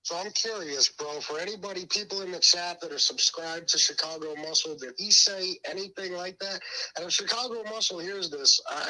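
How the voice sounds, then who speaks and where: A man's voice: fairly high pitch, sharp tone, rough recording. A middle-aged man calling in over a speakerphone, blunt and profane, his mouth numb from the dentist. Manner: blunt and profane, repeating himself. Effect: heard over a speakerphone. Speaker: caller. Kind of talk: casual call-in chat.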